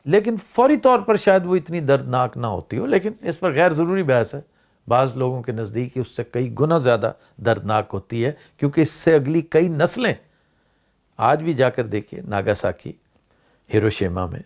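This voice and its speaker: A man's voice: medium pitch, animated, darkish tone. An older man, musing aloud as a vlog host in casual commentary and mixing in English words. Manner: discursive, rising and falling emphasis, mixes in English words.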